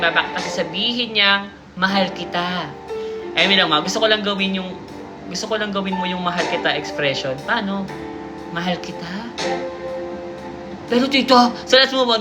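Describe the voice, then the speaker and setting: A woman hosting a livestream, reading a submitted confession aloud and breaking off for playful, teasing asides. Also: mid-range voice. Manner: playful, teasing asides and giggles between passages. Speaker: livestream host reading listener stories. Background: music.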